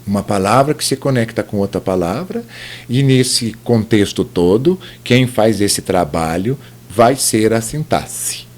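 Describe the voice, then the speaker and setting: Man, grammar teacher voicing a slide lecture; animated pitch, keeps checking in with the viewer. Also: unhurried. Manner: lively, explanatory, many tag questions.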